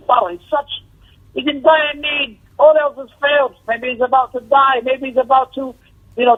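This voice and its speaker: In a high-pitched, husky voice, a man delivers an emphatic Islamic lesson with commentary on a text, acting as a religious teacher. He repeats phrases, asks rhetorical questions and shifts into Arabic recitation. The recording is narrow and tinny, much like phone audio.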